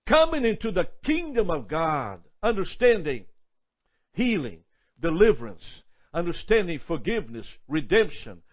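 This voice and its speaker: A man preaches a sermon in a high voice, stacking up long emphatic lists. He stumbles and repeats words as he goes. The recording sounds dull and lo-fi. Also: slightly rough.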